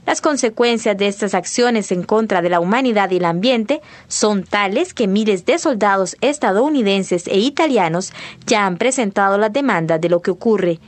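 A woman from Rica, reading a scripted news report in a steady, measured way. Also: mid-range voice, dry recording. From Costa Rica. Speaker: field reporter.

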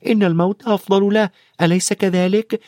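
A man's voice: high voice, fairly even intonation, fast, darkish tone, no echo, studio quality, pitched above the performer's own voice, natural voice. A man voicing a frightened young boy wizard in an audiobook, asking anxious questions.

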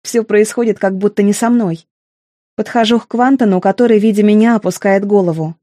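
A woman's voice: medium pitch, fairly even intonation, brisk, warm tone, no echo, clean studio sound. A woman narrating a first-person audiobook in an intimate, emotional manner.

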